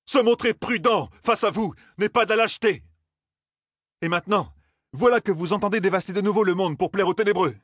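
A man voicing a furious young officer who rants and shouts accusations, in a husky voice for an audiobook. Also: high voice, big pitch swings, slow, few pauses, no echo, clean studio sound, voice pushed up, full character voice. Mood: indignant. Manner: shouting, ranting. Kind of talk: audiobook character voice.

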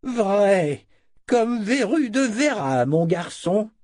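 A man voicing a cranky, hungry old male wizard in a slow, raised, quavering voice. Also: sits high, very animated, darkish tone, no echo, pitched above the performer's own voice, heavily acted. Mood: grumbling.

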